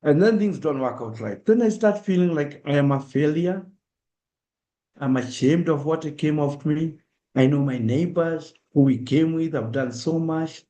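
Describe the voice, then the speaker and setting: At a diaspora awareness event, a middle-aged Kenyan-accented man gives a public talk, speaking earnestly and directly to the community gathering and slipping into first-person examples. His mellow, slightly high voice moves a little slowly, echoing through a roomy hall.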